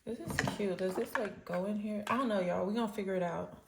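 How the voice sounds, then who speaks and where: Excited woman unboxing on a phone. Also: mid-range voice, fast, creaky, background noise. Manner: excited, gushing, keeps addressing viewers as y'all. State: a little sick. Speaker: vlogger. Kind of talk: casual unboxing vlog.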